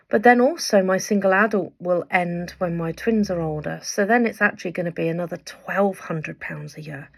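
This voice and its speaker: A woman talks straight to her viewers in a heartfelt weekly update. Her voice sits low and has a gravelly, fried edge. She speaks with fervent conviction and trails through plenty of ums. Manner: earnest, impassioned, rambling with fillers. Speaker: vlogger and writer. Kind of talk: direct-to-camera weekly update.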